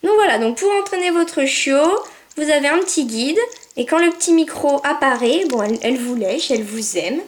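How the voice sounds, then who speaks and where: Chatty woman, high voice, excitable gameplay commentary that slips into cooing and barked commands. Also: moderate pace. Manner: chatty, excitable, coos at her puppy. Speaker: gameplay video maker.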